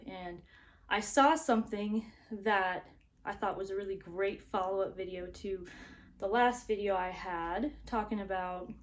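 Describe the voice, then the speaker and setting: Chatty, upbeat woman vlogger. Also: medium pitch. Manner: chatty, upbeat, many fillers and "like". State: out of breath. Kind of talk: casual chat to camera.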